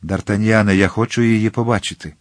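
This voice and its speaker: Man doing a grave, reserved musketeer, low and steady, dry recording. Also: fast, no echo, lightly acted. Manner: restrained, grave.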